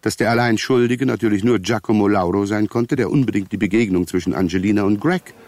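An actor playing a wry, grumbling friend of a detective, narrating a German radio crime drama in a wordy, ironic, conversational way. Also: male voice, lowish voice, fast talker, a little mellow, lightly acted. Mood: wry, musing.

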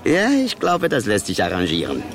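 A man's voice: lowish voice, wildly swooping pitch, moderate pace, noisy background. An actor playing a suave, teasing, insistent male go-between in a German radio crime drama, courteous and insinuating in manner.

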